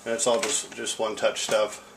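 A middle-aged man demonstrates a tape deck he's selling in a room at home, talking in a rambling, unscripted, self-mocking way. His fairly low voice is monotone with vocal fry and a moderate pace, and background noise mixes with music from the record and tape playback.

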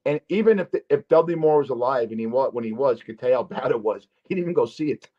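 A man hosting a podcast, chatting loosely and telling stories with lots of restarts and emphatic asides. His voice sits at an ordinary middle pitch. The audio is a bit dull and lo-fi. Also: lively intonation, fast talker. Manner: rambling, restarts, emphatic storytelling. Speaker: podcast host. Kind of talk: casual chat. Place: Las Vegas.

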